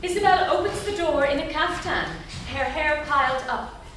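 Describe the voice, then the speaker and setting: A woman with a high, slightly bright voice reads scripted stage directions at normal speed as narrator of a staged reading. She's on a theatre stage before an audience, and the recording is echoey and distant with faint noise.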